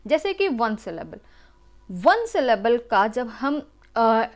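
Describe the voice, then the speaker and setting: High-voiced, slow-paced teacher explaining grammar. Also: female voice. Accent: Indian English. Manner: slow, explanatory, asks and answers own questions. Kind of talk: recorded online lesson, Hindi-English mix.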